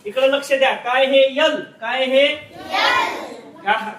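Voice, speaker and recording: A male teacher running a call-and-response lesson, loudly quizzing his class and repeating each point. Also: very high voice, steady tone, unhurried. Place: echoey classroom full of pupils. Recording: roomy, distant, loud class noise.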